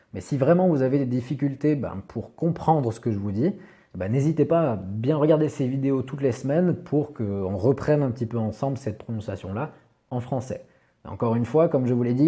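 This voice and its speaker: A man's voice: mid-range voice, dark tone. A man teaching English pronunciation in a video lesson, speaking patiently and carefully, with frequent small fillers. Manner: patient, slow, with many "bah" fillers.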